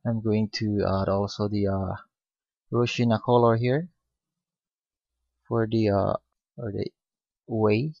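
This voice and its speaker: A man giving a step-by-step painting lesson, speaking unhurriedly with many pauses and fillers. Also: lowish voice, steady tone, vocal fry, dark tone, dry recording. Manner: unhurried, hesitant with frequent fillers. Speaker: painting instructor. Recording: dull lo-fi recording.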